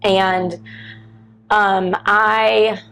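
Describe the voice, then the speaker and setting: A woman's voice: mid-range voice, little pitch movement, drawn-out words, creaky, a bit bright, clean tone, poor audio. A middle-aged woman, a podcast guest telling a personal story in a candid, frank way and acting out the lines of people in it. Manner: candid and frank, acts out quoted dialogue.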